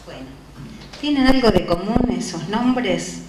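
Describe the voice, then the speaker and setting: A woman music teacher, lecturing a class and explaining ideas while checking in with her students through quick questions. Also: mid-range voice, lively intonation. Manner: explanatory, frequent questioning tags. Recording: echoey room with background noise.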